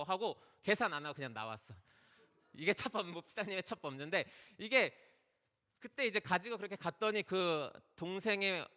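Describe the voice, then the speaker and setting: A man's voice: high voice, pushed and bright, long reverb tail. A male pastor giving a casual, conversational sermon to a youth group, with many asides and quoted voices. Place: church worship hall.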